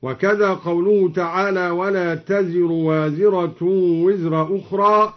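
A man teaching Quran recitation, explaining each reading in measured speech and then chanting the verse slowly. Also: sits high, fairly even intonation. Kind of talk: recitation lesson. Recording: dull lo-fi recording.

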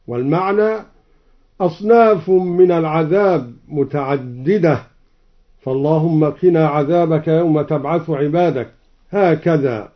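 A man teaching Quranic reading variants, explaining each in measured speech and then chanting the verse melodically. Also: fairly high pitch, dull audio.

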